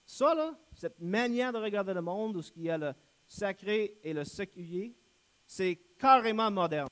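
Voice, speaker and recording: A man's voice: sits high, expressive, normal speed, a bit bright. A young man preaching a sermon as a guest pastor. He is earnest and emphatic, repeats refrains and sometimes corrects himself.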